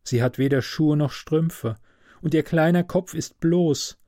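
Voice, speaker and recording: A man reading a storybook aloud, voicing a kind, sorrowful prince statue in an earnest, gently insistent voice. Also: fairly high pitch, a little slow, dry recording, clean studio sound, voice pushed up, lightly acted.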